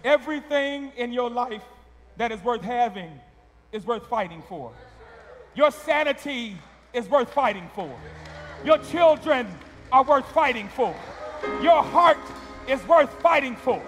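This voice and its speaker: A middle-aged male pastor preaching loudly, building up with repeated calls in a large church. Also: very high voice, animated, measured pace, soft background music. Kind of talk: sermon. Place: large wood-paneled church sanctuary. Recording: long church hall reverb.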